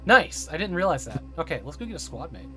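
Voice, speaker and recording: A man's voice: on the high side, very animated, fast talker, sharp tone, soft background music. A man streaming a game, chatting casually and enthusiastically with laughing asides. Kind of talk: casual live-stream chat while playing.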